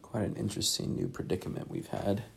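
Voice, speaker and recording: Talking fast against slight background noise, a man chats in a loose, rambling, hesitant way with self-deprecating humor, occasionally breaking off to read passages from a book aloud.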